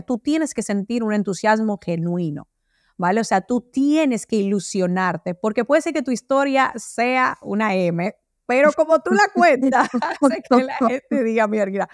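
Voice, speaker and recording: Middle-aged woman, podcast guest, lively narrator who acts out voices; slightly high, dry sound. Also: no echo. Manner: animated storyteller, acts out voices. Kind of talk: interview conversation.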